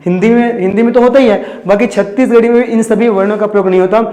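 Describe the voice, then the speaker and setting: High-voiced man teaching a grammar lesson. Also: fairly even intonation, fast talker, warm tone. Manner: asks and answers his own questions, repeats key terms. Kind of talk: exam-prep grammar lesson.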